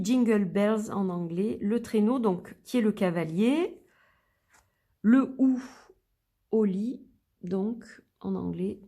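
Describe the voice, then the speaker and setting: A woman reviewing an oracle card deck in a gentle, admiring way, reading the booklet aloud and naming each card. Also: medium pitch. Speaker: card reader presenting a deck. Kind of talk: unboxing and review.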